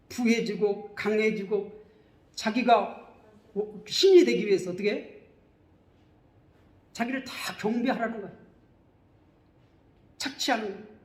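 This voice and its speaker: A man's voice: extremely high pitch, reverberant. A man preaching a sermon as pastor, who keeps asking the congregation questions and then answering them himself.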